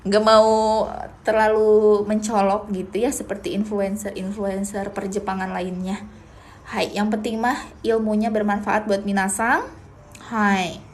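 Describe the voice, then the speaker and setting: A woman's voice: medium pitch, level tone, measured pace, a little hiss or hum. A young woman teaching Japanese on a live stream, chatty and casual, dropping Japanese words into her explanations. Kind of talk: live-stream language lesson.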